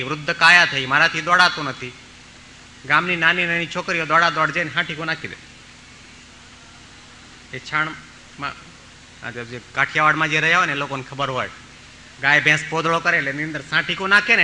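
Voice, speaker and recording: A man's voice: a little high, sharp tone, a little hiss or hum, poor audio. A man preaching a storytelling sermon, acting out the voices of the people in his tales. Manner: acts out voices in his stories, pleading and commanding. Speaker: monk preacher.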